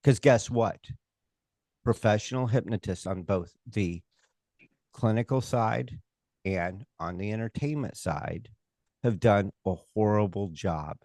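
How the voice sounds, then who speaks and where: American male stage hypnotist, emphatic interview guest. Low-pitched, unhurried, very dry sound. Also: a little mellow, no room sound. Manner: emphatic, opinionated, halting with repeated rhetorical asides. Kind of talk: casual interview talk.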